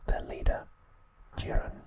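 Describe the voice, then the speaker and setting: Hosting an ASMR recap, a man walks the listener through trivia entirely in a breathy, unvoiced whisper, speaking in short, hushed, measured phrases.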